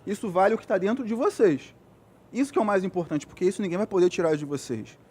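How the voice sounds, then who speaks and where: A Brazilian man speaks to a group of young athletes in a motivational talk, earnest and insistent. His voice sits high for a man, and he keeps returning to the same points while checking that his listeners follow him. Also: quick pace, darkish tone, slightly rough. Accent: Brazilian Portuguese. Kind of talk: motivational speech.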